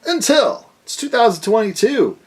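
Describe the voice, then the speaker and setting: A man's voice: very high voice, sing-song, moderate pace. Man, 50s, easygoing rock-fan reviewer, meandering delivery, frequent ums and uhs. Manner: rambling, filler-heavy, enthusiastic fan talk. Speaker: music reviewer. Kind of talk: casual record review.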